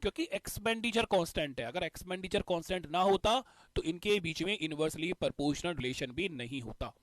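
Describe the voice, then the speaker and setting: A man's voice: on the high side, lively intonation, brisk, fairly bright tone, no room sound. A male teacher explaining a math concept step by step, repeating the key points. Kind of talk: exam-prep math lesson.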